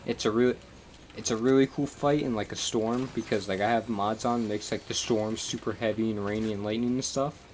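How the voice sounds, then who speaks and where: A man's voice: fairly low pitch, steady tone, a little fast, darkish tone, slight background noise. A man chatting casually on a live stream, rambling and swearing as he recaps a game, laughing often.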